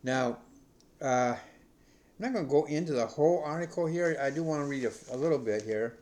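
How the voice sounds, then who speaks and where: A man's voice: on the high side, a little fast, darkish tone. A middle-aged man from the United States hosting a news commentary podcast, rambling with many fillers and restarts. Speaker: podcast host.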